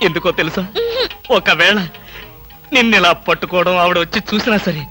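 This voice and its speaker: An actor playing a mischievous, scheming husband in a film comedy, talking in a teasing, theatrical way. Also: male voice, high voice, fairly quick, bright, forceful tone, soft background music. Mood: sly. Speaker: husband, office worker.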